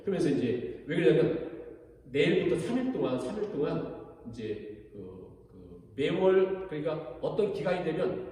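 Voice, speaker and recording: A man's voice: a little high, big pitch swings, moderate pace, dark tone. A male pastor preaching a Wednesday sermon, retelling a scripture story and acting out the characters' lines in a church sanctuary. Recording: echoey hall recorded from a distance.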